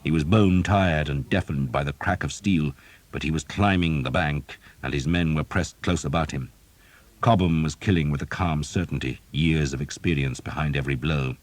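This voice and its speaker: Man, audiobook narrator, very deep voice, steady dramatic storytelling, dry studio. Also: moderate pace, dry recording. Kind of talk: scripted narration.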